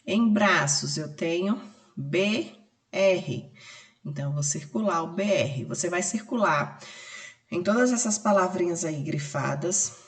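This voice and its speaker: Slow, patient Brazilian woman teacher, roomy. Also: fairly low pitch, distant mic. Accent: Brazilian Portuguese. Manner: slow, patient, explains step by step. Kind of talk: recorded remote class lesson. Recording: roomy echo, off-mic.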